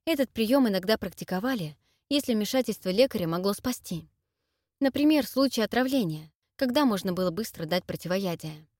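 A woman reading a fantasy audiobook in measured scripted narration. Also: mid-range voice, lively intonation, darkish tone, no room sound, studio quality.

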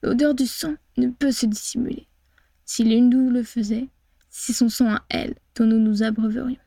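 Brief: a cunning female harpy boss, gravelly and clipped, menace in every word; a woman narrator puts her on. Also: on the high side, fairly even intonation, moderate pace, dark tone, no echo, clean studio sound. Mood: blunt.

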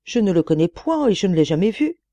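A woman's voice: medium pitch, big pitch swings, fairly quick, mellow, no room sound. A woman voicing a frightened male merchant who pleads for his life in a trembling voice, in an audiobook reading. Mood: pleading.

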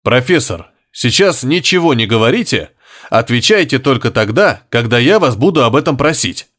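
A stubborn inspector gives sharp commands in an audiobook, voiced by a male reader. He sounds brusque and controlled. His pitch moves a lot. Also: expressive, moderate pace. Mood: commanding.

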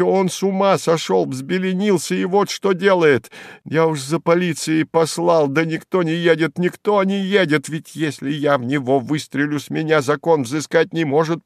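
A man's voice: fairly high pitch, dry recording, studio quality, voice pushed up, close to an everyday voice. A man voicing a frantic, cowardly young landowner who shrieks and screams.

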